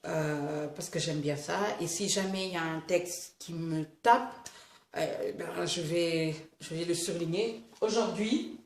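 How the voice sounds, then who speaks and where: A woman's voice: on the low side, slow pace. Chatty woman vlogging in an echoey room. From Senegal. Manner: chatty, relaxed, talks while doing her morning routine. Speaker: lifestyle vlogger. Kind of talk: casual vlog chat. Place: room at home. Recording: echoey room, faint noise.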